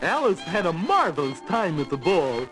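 Lively cartoon gorilla storyteller. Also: male voice, fairly high pitch, moderate pace. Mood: storytelling. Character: friendly pet-shop gorilla babysitter telling a bedtime fairy tale. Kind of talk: animated children's storybook narration. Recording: music behind the voice.

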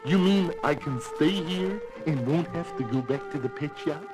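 Man as a lively cartoon gorilla storyteller. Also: on the high side, moderate pace, lightly acted. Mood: chatty. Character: friendly pet-shop gorilla babysitter telling a bedtime fairy tale. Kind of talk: animated children's storybook narration. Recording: music behind the voice.

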